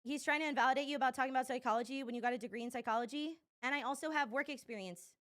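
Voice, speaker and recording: A woman's voice: high voice, very fast, fairly bright tone. A young woman streamer giving rambling, exasperated commentary on clips, swearing a lot. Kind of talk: casual commentary reacting to clips.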